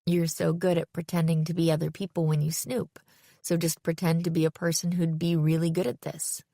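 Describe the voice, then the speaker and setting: A woman reading an audiobook, voicing a teenage girl who calmly gives matter-of-fact advice to her friend. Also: low-pitched, a little fast, vocal fry, no room sound, clean studio sound. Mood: reassuring.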